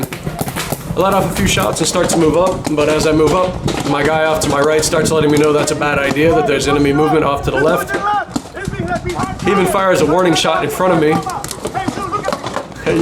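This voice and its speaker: Over his own paintball game footage, a man gives casual voice-over commentary. He's chatty and self-deprecating, with small chuckles, and his voice is fairly high in pitch.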